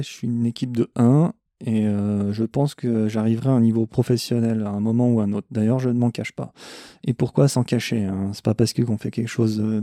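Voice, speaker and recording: A man's voice: mid-range voice, dark tone, dry recording, studio quality. A man hosting a metal podcast, answering questions in a blunt, irreverent, casual monologue and swearing freely.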